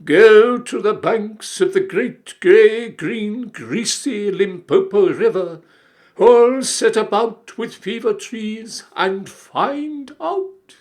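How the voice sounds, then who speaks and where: A man voicing a mournful bird in a storybook, calling out in a loud, drawn-out cry. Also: high voice, animated, pitched above the performer's own voice. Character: mournful bird crying out grand advice. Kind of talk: storybook character voice.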